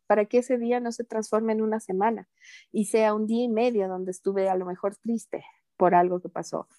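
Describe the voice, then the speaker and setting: A woman guest on a podcast, talking in a calm, earnest and gently reassuring way about spiritual matters. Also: mid-range voice, no room sound. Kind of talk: casual interview talk.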